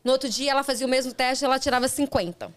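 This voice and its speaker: Hosting a casual interview-style podcast, a middle-aged woman from Brazil shares a personal story with earnest sincerity and frequent restarts. She speaks quickly in a high voice, with a Brazilian Portuguese accent.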